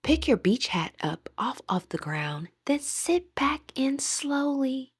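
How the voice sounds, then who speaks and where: Recorded up close on a voice-over microphone without echo, a woman reads a scripted guided meditation in a calm, deliberate way that frequently turns breathy. Her voice sits high, with a sing-song lilt and a breathy edge.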